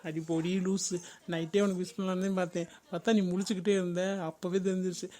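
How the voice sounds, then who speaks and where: A man's voice: sits high, little pitch movement, quick pace, a little mellow, natural voice. A man voicing Santhosh, a playful, mocking young husband in a cartoon, joking at his wife's expense. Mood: affectionate.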